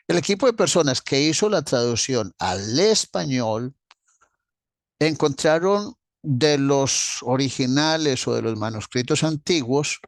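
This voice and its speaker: A man's voice: mid-range voice, no echo. Man teaching a Bible class, dry sound. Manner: explanatory, addresses listeners directly, repeats key points.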